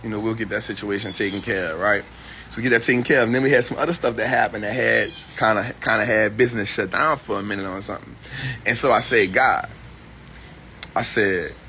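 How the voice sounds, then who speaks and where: A man's voice: mid-range voice, bright, forceful tone, slight background noise. A middle-aged man giving a casual motivational talk to camera, repeating his lines for emphasis like a preacher. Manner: repetitive, emphatic, preacher-like phrasing. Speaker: vlogger and motivational speaker.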